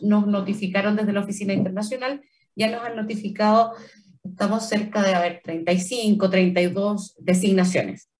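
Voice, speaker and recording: Her voice medium-pitched and picked up by a distant mic, a Chilean-accented woman speaks as a trademark office official in an interview. She answers carefully, often restarting and leaning on fillers.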